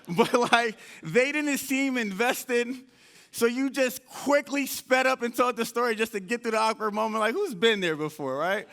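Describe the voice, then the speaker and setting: Male motivational speaker with a high voice, animated storyteller who acts out his own dialogue on stage. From United States (Indianapolis). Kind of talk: live motivational storytelling talk. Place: event stage before an audience.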